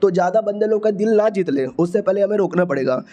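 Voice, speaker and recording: A high-pitched man recapping a comic story in a chatty, colloquial manner. His voice is mellow and dark-toned despite the height. He keeps an animated, offhand flow as he narrates. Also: fast.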